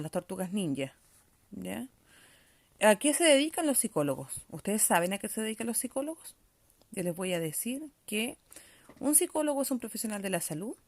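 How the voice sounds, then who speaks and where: A woman's voice: medium pitch, dry recording. A woman teacher leads a reading-comprehension lesson at a patient, explanatory pace. She keeps checking in with her pupils as she goes. The recording is close and dry, with no room sound.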